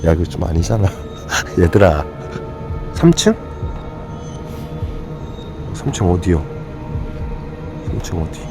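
A man's voice: low voice, lively intonation, slow, pauses often, music in the background. A man exploring an empty school at night with friends, talking in a jumpy, nervous way and swearing often. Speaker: vlogger exploring a closed school. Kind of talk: casual night exploration vlog.

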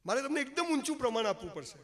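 A man's voice: very high-pitched, big pitch swings, rapid-fire. A man giving an emphatic, folksy motivational speech to an audience, joking and mixing in English phrases. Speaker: motivational speaker. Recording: long hall reverb.

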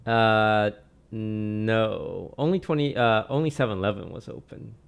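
A young man from Malaysia, chatting casually on a stream in a relaxed way, trailing off with many fillers. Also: fairly low pitch, unhurried, creaky, smooth. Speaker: streamer answering questions. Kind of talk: casual chat. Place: small home streaming room. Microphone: studio mic on boom arm, headphones.

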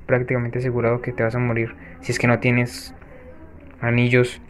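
Brief: male gaming host, mid-pitched, casual running commentary with sudden gasps. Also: monotone, slight background noise. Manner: chatty, talks viewers through the match with quick gasping reactions. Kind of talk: let's-play gameplay commentary.

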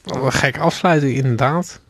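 A man's voice: mid-range voice, moderate pace, a bit bright. A man hosting a late-night radio show, taking calls in a playful, teasing way and stumbling over his words.

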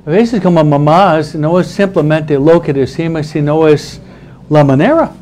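A man's voice: fairly high pitch, a little slow, a little mellow, slight background noise, low-quality recording. A male priest teaching the commandments to a congregation in a conversational, humorous way, tagging his phrases with a questioning "no?". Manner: conversational, tags nearly every phrase with a questioning "¿no?"; humorous, chuckles at his own jokes.

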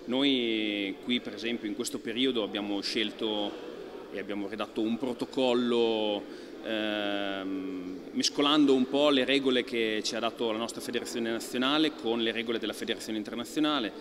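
A man in his thirties, an archery club president, giving an interview in an indoor archery hall, talking with many fillers and pauses. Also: on the low side, a crowd in the background. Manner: thoughtful, halting, many fillers. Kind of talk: on-camera interview.

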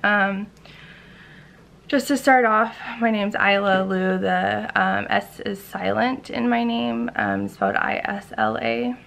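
A 25-year-old vlogger from Hawaii, United States, with an American accent, chats casually to camera indoors in a room of a house. Her mid-range voice is gravelly and fairly bright, with lively intonation and a slow pace, and her informal, hesitant sentences tend to trail off.

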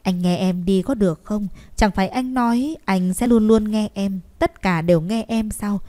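A woman's voice: mid-range voice, moderate pace, dark tone, natural voice. A woman voicing a young woman who pleads tearfully with the man she loves in a storybook reading. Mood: pleading. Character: young woman pleading with her sick love.

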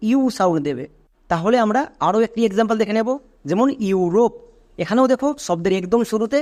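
Man, high voice, patient phonics teacher, spells out letters, asks if you got it. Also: a little mellow. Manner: checks understanding with quick questions. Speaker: English pronunciation teacher. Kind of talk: online phonics lesson.

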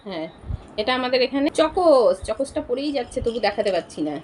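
A woman's voice: fairly high pitch, animated, quick pace, a little hiss or hum. A young mother hosting a playful tongue-twister challenge with her daughter, chatty and laughing, talking to her viewers as friends. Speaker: mother and channel host.

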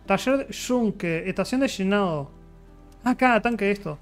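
A man's voice: sits high, animated, moderate pace, soft background music. A man with a Rioplatense Spanish accent, chatty let's-play commentary as he thinks aloud through crafting and fights. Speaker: gaming YouTuber.

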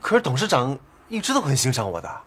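An actor playing a proud young husband out of work, indignant at times and earnest at others, in a TV drama. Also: male voice, mid-range voice, wildly swooping pitch, fast talker, fairly bright tone, slight background noise. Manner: indignant, then earnest and reassuring. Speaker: laid-off office worker, husband. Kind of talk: TV drama acting. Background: music score.

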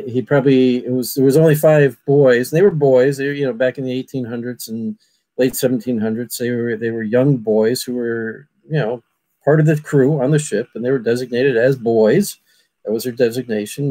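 A man's voice: medium pitch, a little mellow, no echo. A man, a paranormal investigator, telling a long story in a casual, rambling way, repeating words and calling listeners "people". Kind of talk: casual storytelling on a video call.

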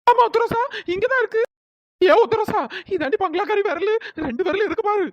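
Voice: extremely high pitch, expressive, brisk, dry recording, lo-fi sound. A performer voicing a bossy young village woman in a cartoon story, scolding and urging the others on.

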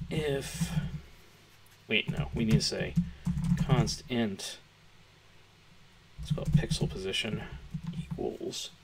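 A man with a hoarse, gravelly voice, thinking aloud as he walks through a coding tutorial. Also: fairly low pitch, noisy background. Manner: thinking aloud while typing, chatty. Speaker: programmer streaming a coding tutorial. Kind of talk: casual live-coding walkthrough. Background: keyboard typing.

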